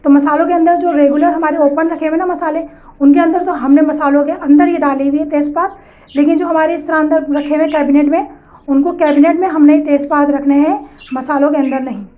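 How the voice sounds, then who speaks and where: A woman's voice: high voice, fairly even intonation, fairly quick, mellow, lo-fi sound. A woman giving step-by-step household tips at home. She speaks straight to her viewers, patiently repeating each step.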